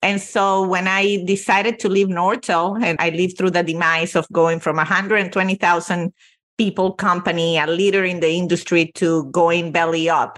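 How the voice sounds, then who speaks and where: A woman's voice: fairly low pitch, fairly bright tone. A woman from Venezuela, a company CEO, telling her career story with earnest emphasis as a podcast guest. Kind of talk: podcast interview.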